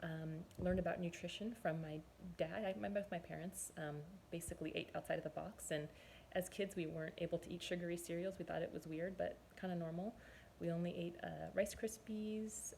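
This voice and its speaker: Gravelly-voiced woman in her forties. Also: on the low side, steady tone, darkish tone, a little hiss or hum. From Southern California, US. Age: 40s. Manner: chatty and earnest, frequent pauses to recall. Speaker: nutrition and fitness coach. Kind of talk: personal testimonial monologue.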